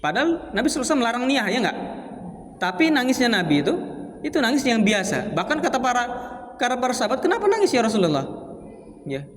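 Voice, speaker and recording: High-voiced man lecturing in a reverberant mosque. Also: sing-song, racing, a bit bright. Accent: Indonesian, Palembang. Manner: asks the audience rhetorical questions and answers them; explains Arabic text phrase by phrase in casual Indonesian. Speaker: ustadz teaching a mosque study circle. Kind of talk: Islamic study lecture. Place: large mosque hall. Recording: long reverb of a mosque hall.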